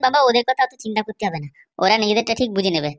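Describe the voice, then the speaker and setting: A woman's voice: medium pitch, lively intonation, racing. A woman voicing characters in a comedy cartoon, with a chatty, persuasive way of talking. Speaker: cartoon voice actor.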